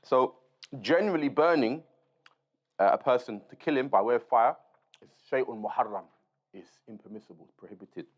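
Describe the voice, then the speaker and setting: Speaking at a moderate pace in a medium-pitched voice, a man gives an informal Islamic lesson, reading passages aloud and explaining them while checking in with his listeners using short tags. The audio is dull and lo-fi.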